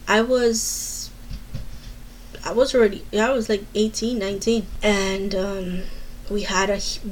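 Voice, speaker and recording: A woman's voice: mid-range voice, a little hiss or hum, poor audio. A woman casually telling a personal story and giving earnest advice, speaking candidly, swearing freely, and often restarting her sentences. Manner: earnest and urging. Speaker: advice giver.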